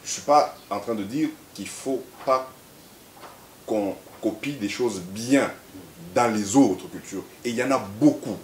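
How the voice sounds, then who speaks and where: A man from Central Africa, an interview guest who talks haltingly, repeating words, then tells stories in a measured way. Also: lowish voice, a little mellow. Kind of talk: reflective conversational interview. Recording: echoey room with faint hiss.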